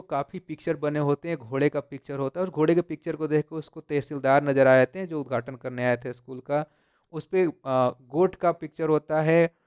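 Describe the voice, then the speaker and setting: Male tutor with a smooth, clear voice and a slightly high pitch, reading text deliberately, then explaining casually. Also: no room sound, muffled recording. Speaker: teacher explaining a textbook story. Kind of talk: line-by-line lesson, reading English text slowly then explaining in Hindi.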